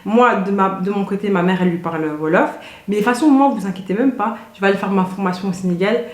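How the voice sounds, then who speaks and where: A woman's voice: mid-range voice, fast. Chatty woman in an echoey room. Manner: chatty, loose, slangy, many fillers and restarts. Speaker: vlogger. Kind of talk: casual chat to camera.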